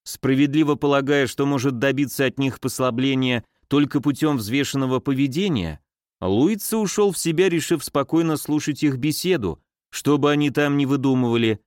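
A man narrating a story with a steady, expressive reading. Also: medium pitch, dry recording, clean studio sound. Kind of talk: audiobook narration.

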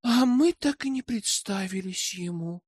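A male narrator voicing an airy, dreamy young woman in an audiobook, breathy and sighing. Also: very high voice, big pitch swings, a little slow, fairly bright tone, dry recording, clean studio sound, pitched above the performer's own voice, exaggerated voice.

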